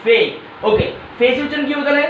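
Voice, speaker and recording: A man leads a classroom pronunciation lesson at a brisk pace. He drills his pupils by calling out each word and repeating it back to them. The echoey room and dull, lo-fi sound give it a homemade feel. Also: extremely high pitch, fairly bright tone, a little hiss or hum. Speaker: English pronunciation teacher.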